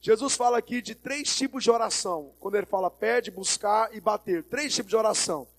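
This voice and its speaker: A man's voice: high voice, brisk. A Brazilian man preaching as a pastor, telling a personal story and exhorting the congregation in a sermon. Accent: Brazilian Portuguese.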